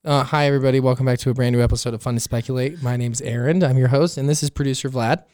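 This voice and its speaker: A man's voice: mid-range voice, fairly even intonation, very fast, darkish tone, no echo. Sick man hosting a podcast. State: sick with a fever. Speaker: podcast host. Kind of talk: casual podcast intro chat.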